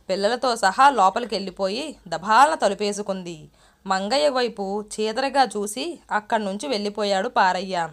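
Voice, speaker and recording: A woman storyteller reading a scripted story in a steady, measured way. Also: medium pitch.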